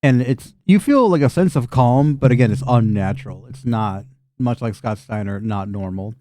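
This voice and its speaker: A man's voice: medium pitch, moderate pace, warm tone. A man narrating a tabletop fantasy game as game master, in a casual, chatty, sweary style.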